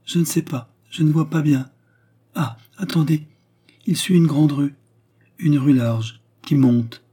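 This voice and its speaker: A man reading aloud, voicing a young girl who speaks haltingly in a hypnotic trance. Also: a little high, fairly even intonation, mellow, slightly rough, voice pushed up. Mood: entranced. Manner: dreamy, halting trance speech.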